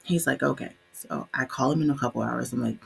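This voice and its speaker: A young adult woman co-hosting a podcast, telling a story in a casual, animated way and doing the voices of her relatives. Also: very deep voice, quick pace, gravelly, a little hiss or hum. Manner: animated, voices quoted relatives, laughs often. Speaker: podcast co-host.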